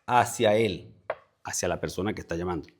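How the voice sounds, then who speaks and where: A man's voice: deep voice, fairly quick, slight background noise. A man leading a Bible study before a congregation, explaining word meanings step by step and repeating key words for emphasis. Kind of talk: conversational Bible teaching. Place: church meeting with a congregation present.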